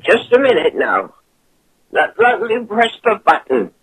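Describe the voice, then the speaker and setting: Guy doing a squeaky confused old granny on a noisy phone line, stammery, can't hear. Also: huge pitch swings, unhurried, exaggerated voice. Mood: flustered. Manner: stammering, asks to speak louder. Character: confused hard-of-hearing old woman on phone.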